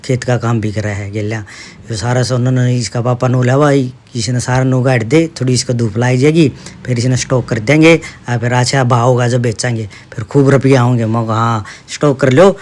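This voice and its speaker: A middle-aged man chats through his everyday family vlog. He keeps pointing things out to the viewer in a homely, easygoing manner. His voice sits at an ordinary middle pitch. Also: fairly even intonation, fairly quick, darkish tone, a little hiss or hum. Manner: chatty, homely, addresses viewers with "dekho". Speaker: vlogger, father. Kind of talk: casual vlog narration.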